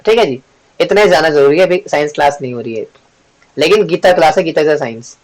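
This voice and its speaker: A man teaching a devotional scripture class in a chatty, joking way. He asks the class questions, answers them himself and clears his throat often. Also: fairly high pitch, fast talker, low-quality recording. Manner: joking, chatty, teasing the audience. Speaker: Bhagavad Gita class teacher.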